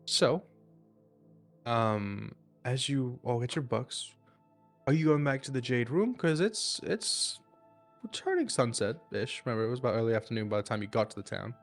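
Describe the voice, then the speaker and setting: A man's voice: mid-range voice, animated, soft background music. Rambling male game master. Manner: loose, filler-heavy narration with sudden rushes. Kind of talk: narrating a tabletop game.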